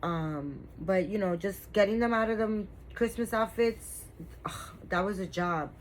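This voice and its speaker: A woman's voice: mid-range voice, a little slow, a little hiss or hum, poor audio. A woman in her fifties, a doll-collecting vlogger, chatting casually to her viewers in a rambling way, full of fillers and restarts. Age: 50s.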